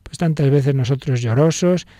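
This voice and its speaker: Mellow-voiced priest giving a reflection. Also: male voice, medium pitch, moderate pace, no room sound, clean studio sound. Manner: expressive, acts out sighing voices in quotes. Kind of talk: spoken reflection on faith.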